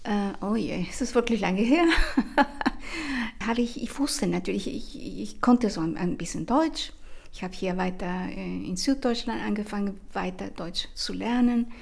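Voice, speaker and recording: A woman's voice: mid-range voice, unhurried, creaky, breathy edge. A woman, a language teacher hosting her own podcast and telling stories in an enthusiastic, chatty way with many fillers. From Chile. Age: 50s. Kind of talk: casual podcast monologue.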